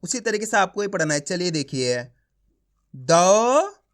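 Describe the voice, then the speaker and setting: A male teacher giving a reading lesson, sounding out each syllable slowly and then saying the whole word, coaxing viewers to practise. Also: high voice, expressive, a bit bright. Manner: addresses viewers as friends, coaxing them to practise.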